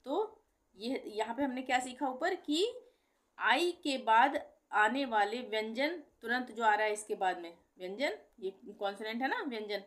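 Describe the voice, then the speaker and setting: A middle-aged language teacher gives an explanatory pronunciation lesson, patiently repeating example words and posing questions she answers herself. Her voice is a little high and fairly bright, with lively intonation and an unhurried pace.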